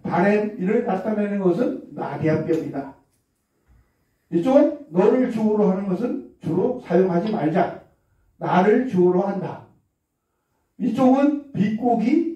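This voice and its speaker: A man's voice: high voice, warm tone. A man giving an explanatory lecture on communication, checking in with his listeners as he goes. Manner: explanatory, checks in with listeners, acts out example lines. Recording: very echoey, distant, dull lo-fi.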